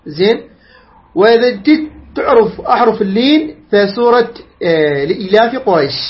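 Male recitation teacher, high voice, dull lo-fi recording, patient drilling and quizzing. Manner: explains step by step, demonstrates sounds, quizzes listeners. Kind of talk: classroom tajweed lesson. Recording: slightly dull lo-fi sound.

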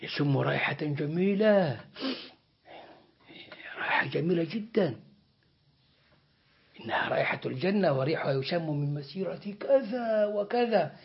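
A man with an Egyptian accent telling a sermon story in a dramatic, animated way. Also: on the high side, moderate pace, creaky, pauses often, highs cut off. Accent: Egyptian Arabic. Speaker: preacher.

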